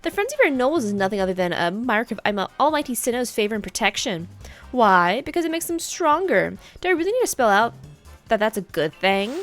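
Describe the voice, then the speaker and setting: A woman's voice: fairly high pitch, sing-song, a little fast, fairly bright tone, faint music behind, voice pushed up. A woman voicing a smug Valley Girl clan noble. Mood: haughty. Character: haughty young female clan noble, pompous.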